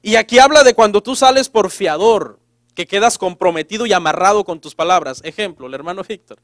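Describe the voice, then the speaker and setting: A man's voice: high-pitched, fairly quick, no echo, studio quality. A man preaching a sermon as pastor in a sarcastic, joking manner, acting out the people he quotes in changing voices.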